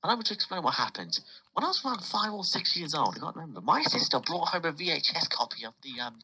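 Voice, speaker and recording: A man's voice: a little high, sing-song, fast, pushed and bright, slightly rough, low-quality recording. A British man in his late teens hosting a casual podcast chat, rambling and restarting as he tells stories. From United Kingdom. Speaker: podcast host.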